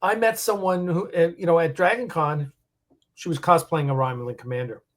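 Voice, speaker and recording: A man's voice: on the high side, a little fast. A man in his sixties hosting a podcast, giving his opinion in an emphatic, firm way. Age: 60s. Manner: emphatic, firm, with repeated openers. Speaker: podcast host. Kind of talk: casual opinionated chat.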